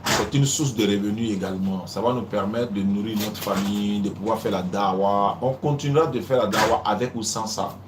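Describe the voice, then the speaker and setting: A man's voice: on the low side, fairly even intonation, fairly quick, echoey room, background noise. A man hosting a live religious call-in, talking casually, repeating himself and often calling out to silent callers. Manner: repeats phrases, keeps saying "Inch'Allah" and "Allô?".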